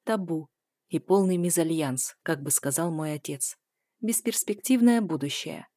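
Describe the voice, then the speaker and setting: Woman, steady storytelling, lowish pitch, first-person narration. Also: a little slow, dry recording, studio quality. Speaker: audiobook narrator.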